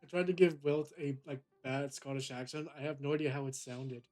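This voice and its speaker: A man's voice: mid-range voice, steady tone, a little fast, a little mellow, faint music behind. Blunt swearing male streamer. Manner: profane, blunt, joking. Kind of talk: casual gameplay commentary. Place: home streaming setup.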